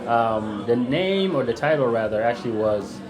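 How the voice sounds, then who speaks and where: A man in his thirties from South Sudan, a guest author telling his story in a relaxed, reflective way on a podcast. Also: mid-range voice, normal speed, music in the background. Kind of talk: podcast interview.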